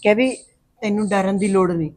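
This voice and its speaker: A woman's voice: medium pitch, steady tone, a little fast, darkish tone, natural voice. Protective Punjabi mother, played by a woman, middle-aged, firm and comforting. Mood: resolute. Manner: protective, reassuring. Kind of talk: web series drama acting.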